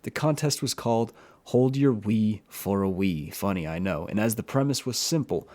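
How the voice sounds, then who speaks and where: A man's voice: lowish voice, animated, normal speed, darkish tone. A man narrating a true-crime story for his channel, in a plain, earnest retelling with a few opinions of his own. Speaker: YouTube horror storyteller.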